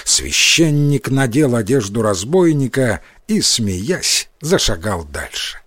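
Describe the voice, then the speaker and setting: A man narrating a folk tale in a scripted, expressive storytelling manner. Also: mid-range voice, takes it slowly, dry recording, clean studio sound.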